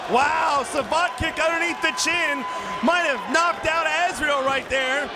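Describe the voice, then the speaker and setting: A man calling a live wrestling match play-by-play in excitable, exclamatory bursts. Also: very high-pitched, unhurried. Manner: excitable, exclamatory calls of the action. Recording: noisy arena with loud crowd behind. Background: crowd noise of a live wrestling show.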